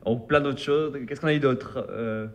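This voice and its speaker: A man's voice: mid-range voice, measured pace, dull audio. A man hosting a reading workshop, explaining the exercise casually and hesitantly. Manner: hesitant, many fillers, relaxed. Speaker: workshop leader and host.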